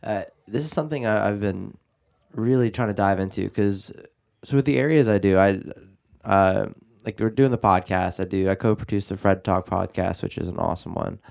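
Gravelly low-voiced podcast host. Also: male voice, moderate pace, darkish tone. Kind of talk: casual chat.

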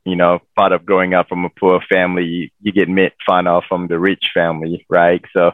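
Deep-voiced man on a tinny line. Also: brisk, no echo. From Malaysia. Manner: relaxed, with many fillers. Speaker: podcast guest. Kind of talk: casual interview storytelling. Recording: dry tinny phone-like line.

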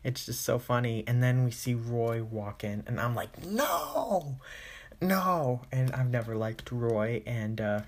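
A man hosts a podcast and recaps an episode in a relaxed, chatty way. His talk wanders and is dotted with "uh" fillers. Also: medium pitch, moderate pace, hardly any pauses. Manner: chatty, loose, with frequent "uh" fillers. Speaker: podcast host.

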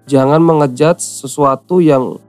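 A man's voice: fairly high pitch, steady tone, a little slow, a little mellow, dry recording, faint music behind. A young man from Central Java telling his story in casual slangy talk and acting out the voices he quotes. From Central Java, Indonesia. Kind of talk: casual podcast chat, storytelling.

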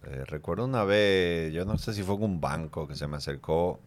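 Un comediante invitado a un podcast que cuenta anécdotas de forma relajada y con humor sobre sí mismo. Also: male voice, low voice, normal speed. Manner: relaxed storytelling, self-deprecating. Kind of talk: casual chat.

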